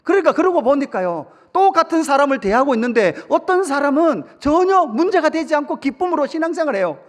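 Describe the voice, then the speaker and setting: A man preaching a sermon as pastor, lively, asking the congregation questions and telling humorous stories. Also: extremely high pitch, fast talker. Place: church sanctuary. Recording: long reverb of a church sanctuary.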